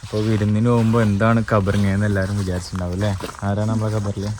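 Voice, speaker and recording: A man's voice: lowish voice, little pitch movement, rapid-fire. A man, vlogging casually about a family visit and speaking to his viewers. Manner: chatty, addresses viewers as guys. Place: family home visit with relatives around. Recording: noisy with a crowd of relatives behind.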